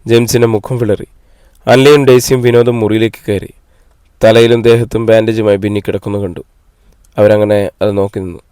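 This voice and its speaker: A man reading a novel aloud as an audiobook narrator, in a steady storytelling read on a close mic. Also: on the low side, brisk, clean tone, no room sound. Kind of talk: scripted narration.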